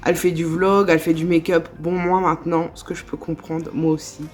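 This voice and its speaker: A woman's voice: deep voice, little pitch movement, a little fast, a little mellow, faint music behind. A woman with a Northern French accent, chatting casually in a vlog, with lots of fillers and small laughs. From northern France. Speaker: vlogger.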